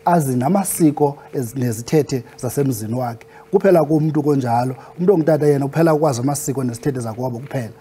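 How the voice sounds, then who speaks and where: Xhosa-accented guy being interviewed, talks pretty fast, kinda mellow and husky, formal and respectful. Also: medium pitch, slight background noise. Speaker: guest expert on Xhosa customs. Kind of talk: interview talk.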